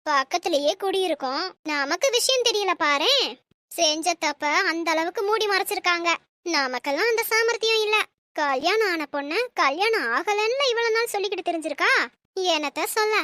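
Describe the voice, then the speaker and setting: A woman's voice: extremely high pitch, lively intonation, moderate pace, bright, forceful tone, no room sound, exaggerated voice. A woman voicing a nosy village neighbor woman who gossips mockingly in a cartoon story.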